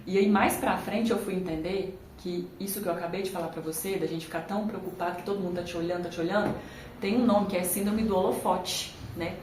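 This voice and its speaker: A woman's voice: fairly low pitch, steady tone, fast talker, a little mellow, roomy sound, a little hiss or hum, low-quality recording. A woman talking casually to viewers in a vlog, recorded on a phone camera. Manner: chatty, conversational, addresses viewers directly. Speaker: YouTuber.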